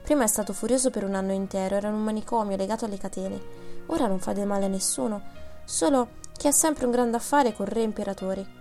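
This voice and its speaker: A woman's voice: medium pitch, fast, mellow, natural voice. A woman voicing a weary, pious old mother who talks on plaintively about her sorrows, with faint music behind. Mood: sorrowful. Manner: plaintive, talkative.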